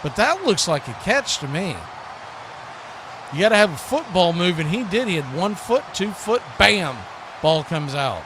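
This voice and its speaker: An American stream host calls a football game live and unscripted, folksy and conversational, breaking into excited shouts on big plays. His voice sits high and runs a little slow, with a clearly noisy live-stream background.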